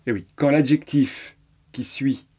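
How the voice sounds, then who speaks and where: A man from France gives a French lesson at an unhurried, deliberate pace. His voice is mellow and slightly husky, and he patiently repeats each example and spells words out letter by letter. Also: mid-range voice. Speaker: French teacher. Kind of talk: slow explanatory lesson.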